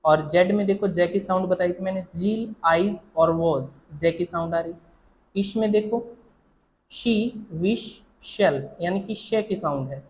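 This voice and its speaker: Man, shorthand teacher, slow deliberate delivery, patient, repeats and quizzes. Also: high voice, darkish tone, slight background noise, rough recording. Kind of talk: step-by-step classroom explanation.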